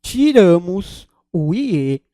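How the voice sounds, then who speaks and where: Brazilian man teaching English grammar, high voice. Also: sing-song, dark tone, no room sound, clean studio sound. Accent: Brazilian Portuguese. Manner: slow, deliberate explaining, checks in with "tá?" and "ok?". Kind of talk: grammar video lesson.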